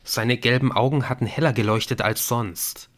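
Male audiobook narrator, steady storytelling, mid pitch. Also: moderate pace. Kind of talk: scripted narration.

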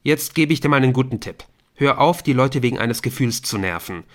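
A man's voice: medium pitch, lively intonation, brisk, pitched above the performer's own voice, natural voice. A defensive teenage boy in a storybook snaps back in short, curt bursts, as a man reads him. His voice is edgy and brusque. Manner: snappish, brusque.

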